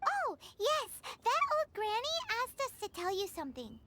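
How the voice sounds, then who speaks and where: A woman's voice: very high-pitched, huge pitch swings, normal speed, very noisy, full character voice. A woman voicing a tiny, cheerful, childlike fairy companion in a video game, eager and perky. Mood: curious. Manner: childlike, perky, refers to self by name.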